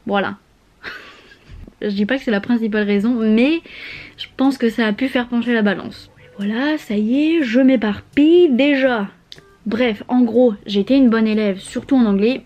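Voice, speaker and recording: A woman's voice: fairly high pitch, warm tone. A young woman from France chatting casually in a vlog from her bedroom, slangy and playful, swearing freely, with asides. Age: young adult. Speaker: au pair vlogger. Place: bedroom, sprawled on her bed.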